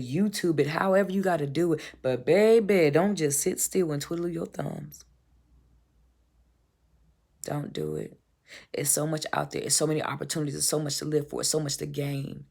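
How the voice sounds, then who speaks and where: A woman vlogger with a low, creaky, slightly mellow voice delivers an emphatic, blunt motivational monologue. Preachy and repetitive, she swears casually and calls the listener baby.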